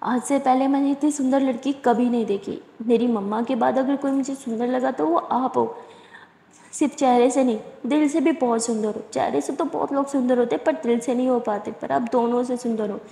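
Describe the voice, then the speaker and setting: A woman voicing a playful, teasing young biker woman in a storybook romance, with a high voice and an echoey room behind her. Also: steady tone, a little fast, vocal fry. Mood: soothing. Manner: playful teasing, then soft and soothing. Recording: echoey room with long reverb.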